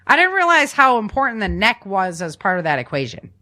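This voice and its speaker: Speaking briskly with big pitch swings, a woman podcast host uses a mid-pitched, bright, forceful voice. She gives practical survival advice from notes, conversational and informal, and keeps seeking the listener's agreement.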